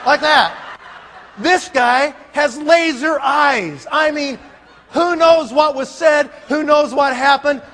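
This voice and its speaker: A man telling a comic story to a live audience, animated and laughing as he acts out scenes. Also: very high-pitched. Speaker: speaker. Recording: long hall reverb, faint room noise.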